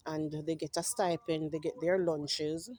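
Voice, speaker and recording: Woman, farm project rep, low-pitched and warm, passionate tour-guide delivery, greenhouse setting. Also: level tone, measured pace, no room sound. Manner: passionate, often adds "right?"; clears her throat now and then. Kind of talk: walking greenhouse tour talk. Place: inside a greenhouse.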